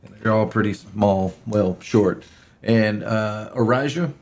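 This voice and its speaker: A man's voice: on the low side, a little slow, a little mellow. A man hosting and narrating a tabletop game as game master, talking casually with plenty of fillers and laughs.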